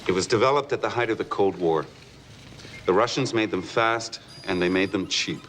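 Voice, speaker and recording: An actor playing a sober weapons adviser who briefs leaders gravely and deliberately in a disaster film. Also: male voice, lowish voice, a bit bright, slight background noise, natural voice.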